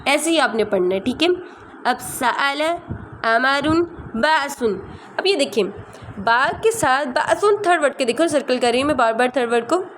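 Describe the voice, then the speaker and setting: A woman teaching a tajweed lesson, patiently repeating letter sounds slowly and checking that students follow. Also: high-pitched, expressive, slight background noise. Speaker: Quran recitation teacher.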